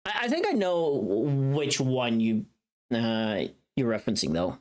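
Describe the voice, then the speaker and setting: Unhurried yet very animated, the host's mid-pitched voice swings widely in intonation during a livestream. The profane, casual chatter resembles someone thinking aloud while working on screen.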